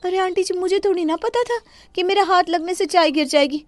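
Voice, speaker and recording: A woman voicing a sharp-tongued young daughter-in-law who talks back sarcastically, in an animated story. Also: very high-pitched, a little fast, no echo, voice pushed up. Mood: mocking.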